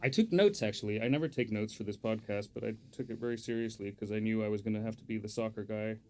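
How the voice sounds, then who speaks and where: A man's voice: on the low side, quick pace, a little mellow, slight background noise. A man chatting on a podcast as the football pundit, opinionated and rambling, with lots of fillers and the odd swear. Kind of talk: casual chat.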